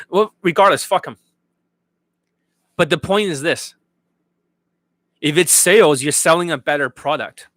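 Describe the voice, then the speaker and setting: His voice sits fairly high and a bit bright, captured in a dry recording. He's a dating coach ranting off the cuff to his livestream audience, swearing freely, speaking bluntly and asking again and again if they get it.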